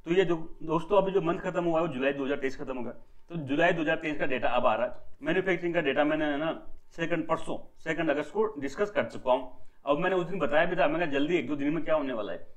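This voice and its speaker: On dull-sounding audio, this economics teacher and channel host talks fast in a fairly high voice. The young man runs a daily economics news lesson, calling viewers his friends and hammering key points home with rhetorical questions.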